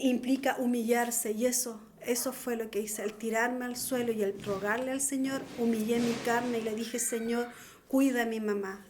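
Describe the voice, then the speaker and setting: Middle-aged woman preacher, earnest testimony, slightly high voice, faint room noise. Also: darkish tone. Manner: earnest, pleading. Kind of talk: testimonial sermon.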